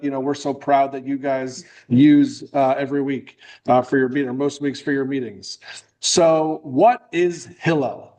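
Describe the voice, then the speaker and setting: A mid-range, darkish voice belongs to a middle-aged man from New England, USA, speaking as a guest at a club meeting in a meeting room. He's friendly and joking, with a loose delivery and many restarts.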